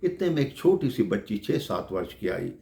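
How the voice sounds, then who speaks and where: A man's voice: lowish voice, big pitch swings, moderate pace, creaky, warm tone. A man telling a devotional story, addressing listeners affectionately as brothers and sisters. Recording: echoey room.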